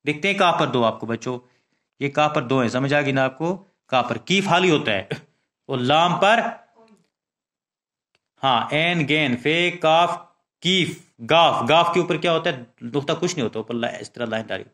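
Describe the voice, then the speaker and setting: A man teaching young children the alphabet, reciting letters slowly and often checking that they understand. He speaks Urdu with a Pakistani accent. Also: medium pitch, lively intonation, fairly bright tone. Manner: slow, drawn-out recitation with frequent check questions.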